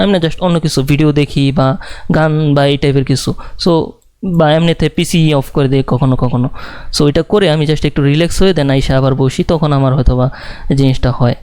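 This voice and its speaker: A man walks through a live design tutorial, thinking aloud slowly with plenty of fillers and English words mixed in. His voice is smooth and clear, recorded close and dry. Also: fairly high pitch, darkish tone, no room sound.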